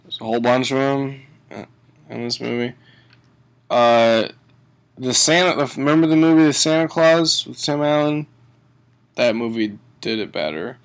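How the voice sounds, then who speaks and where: A man giving a casual comedic movie review in a tipsy, halting ramble, swearing and often chuckling mid-sentence. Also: mid-range voice, clean tone. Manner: tipsy, drunken rambling delivery. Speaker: film reviewer.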